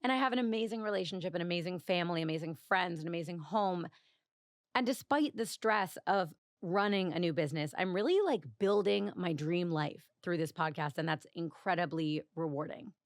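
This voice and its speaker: A woman's voice: fairly low pitch, animated, fairly quick, dry recording, clean studio sound. A woman hosting her own podcast, telling a personal story in a chatty, confessional way, often saying "like" and laughing lightly. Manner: chatty and confessional, heavy use of "like", frequent small laughs. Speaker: podcast host. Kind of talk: casual solo podcast storytelling.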